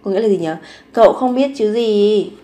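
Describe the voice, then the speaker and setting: A woman teaching short everyday phrases, repeating each one slowly before explaining it. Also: mid-range voice, dark tone. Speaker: Korean language teacher. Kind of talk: Korean lesson explained in Vietnamese.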